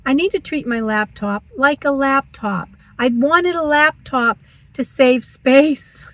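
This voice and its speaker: A woman's voice: sits high, slow pace, low-quality recording. A woman in her sixties vlogging from her parked car, chatty and teasing herself as she talks. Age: 60s. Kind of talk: casual chatty vlog.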